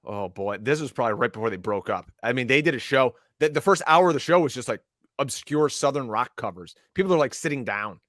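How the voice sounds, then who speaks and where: A man co-hosting a podcast tells stories in an animated, emphatic way. His voice sounds dry and close, with no room around it. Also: medium pitch, brisk, dry recording. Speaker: podcast co-host. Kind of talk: casual chat.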